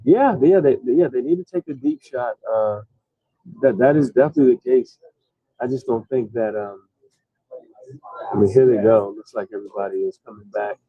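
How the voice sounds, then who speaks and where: Weary, rambling sports stream host. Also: male voice, medium pitch, expressive, moderate pace, husky. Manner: rambling, many restarts and fillers. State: tired. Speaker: host reading live chat. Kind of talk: casual live-stream sports chat. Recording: dull, lo-fi sound.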